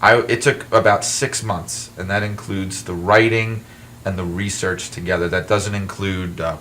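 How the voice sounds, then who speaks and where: With a low voice at normal speed and a little hiss or hum on the recording, this man appears as an author and wrestling historian in a casual talk-show interview. He's animated and self-deprecating, restarting often as he tells stories.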